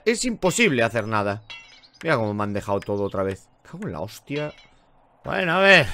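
A man talks through his game in a bright, lively voice that leaps up and down in pitch. He chats and grumbles, swearing freely as he plays. A faint hiss of background noise sits under his voice. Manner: chatty and exasperated, swears often. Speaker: gaming channel host. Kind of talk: let's play commentary.

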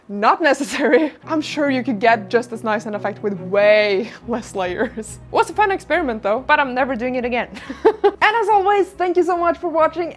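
Giggly, excitable woman crafter. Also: a little high. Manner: chatty and excitable, laughs often. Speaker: craft video host. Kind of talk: casual crafting vlog narration.

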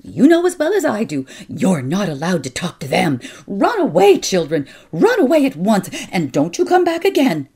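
A woman's voice: mid-range voice, huge pitch swings, moderate pace, hardly any pauses, dark tone, slightly rough, pitched above the performer's own voice, full character voice. A woman voicing a stern, proud adult aunt who scolds children in a cold, furious voice.

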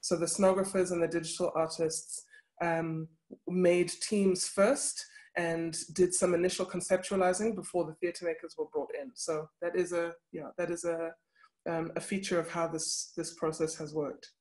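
A woman's voice: fairly low pitch, little pitch movement, darkish tone. Woman hosting an online panel. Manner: brisk, reads questions from chat. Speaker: panel host. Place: home room with bookshelves. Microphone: laptop webcam on video call.

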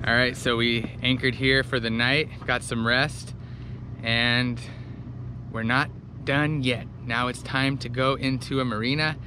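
A man's voice: mid-range voice, flat delivery, unhurried. A young man talking casually to the camera from a sailboat cockpit at sea, earnest and thankful. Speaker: sailing vlogger. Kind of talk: casual vlog talk to camera.

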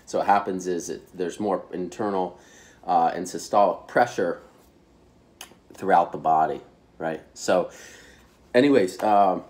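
Casual male vlogger in his 30s, deep voice, loose filler-heavy delivery, webcam in a home office. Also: unhurried, long pauses. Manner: animated, gestures a lot, loose and chatty with many fillers. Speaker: health vlogger. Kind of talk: casual explainer vlog. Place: small home office, indoors.

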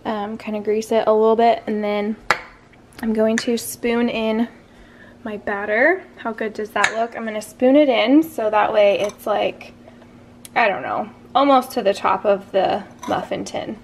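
A young woman with a fairly high voice chats her way around her home kitchen, rambling and filling gaps with "um" and "like." She sounds close to a camera mic, with a faint hum of household noise behind her. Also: steady tone, a little slow. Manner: chatty, rambling with fillers. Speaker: vlogger. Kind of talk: casual cook-with-me narration.

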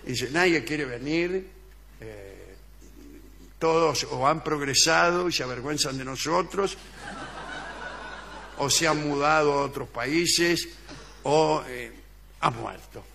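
A man with an Argentine accent telling an absurd story deadpan on a comic radio sketch, acting out the voices he quotes and chuckling. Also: a little high, takes it slowly, gravelly, pauses often.

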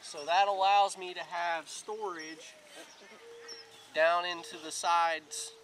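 A man in his thirties vlogs outdoors on a grassy yard near a lake, explaining each step in a relaxed, plain manner. He speaks slowly in a high-pitched, fairly even, slightly bright voice. The camera sits a few feet away, and the poor audio carries clear background noise.

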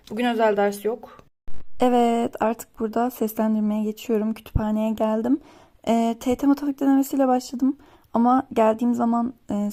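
Young woman, fairly high voice, casual study vlogger, chatty and rambling, phone-recorded at home and in a library. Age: young adult. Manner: chatty, rambling, animated about small annoyances. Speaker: vlogger, exam student.

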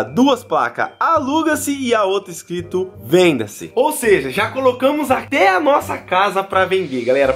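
Excitable young Brazilian man, very lively pitch. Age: 20s. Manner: emphatic, excitable. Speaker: vlogger. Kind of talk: casual slangy vlog chat. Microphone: handheld camera at arm's length.

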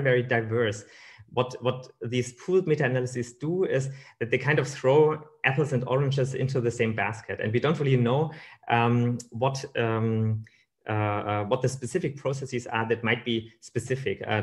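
A man in his thirties giving a keynote lecture over slides from a room on a webcam, with many fillers and restarts. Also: medium pitch. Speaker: keynote speaker.

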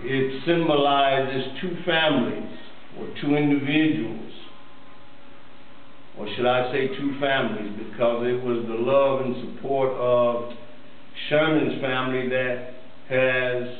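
A man officiating a wedding, solemn and halting. He speaks slowly in short phrases, far from the microphone in a very echoey hall. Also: mid-range voice, fairly even intonation, narrow, tinny audio. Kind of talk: leading a wedding ceremony. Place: small church hall, indoors. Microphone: distant handheld camera microphone. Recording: echoey room, distant thin camera audio, faint noise.

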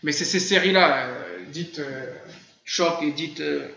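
A man with a rather high, bright voice gives an informal religious lesson in a loose, meandering way, repeating himself and filling pauses as he talks. The sound is dull and muffled, with a roomy echo, as if heard through an online voice-chat room. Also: gravelly. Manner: conversational and rambling, with frequent fillers and repetition. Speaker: religious teacher. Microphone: computer microphone in a voice-chat room.

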